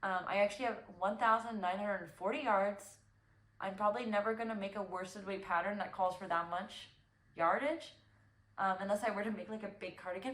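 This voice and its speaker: A woman's voice: medium pitch, a bit bright, reverberant. A young woman hosting a knitting podcast, chatting casually and rambling with fillers and restarts. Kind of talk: casual chat.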